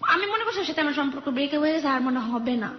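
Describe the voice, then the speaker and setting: A woman's voice: sits high, expressive, racing, reverberant, muffled recording, background noise. A young woman calling in to a radio show, earnestly retelling her own life story and acting out her family's quarrels. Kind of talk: personal story told on a call-in radio show.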